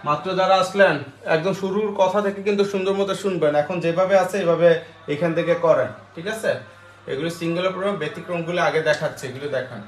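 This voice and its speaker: Guy teaching english grammar online, high voice, keeps asking ok?, echoey room. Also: soft background music. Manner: repeats words slowly, checks with "ok?". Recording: roomy echo.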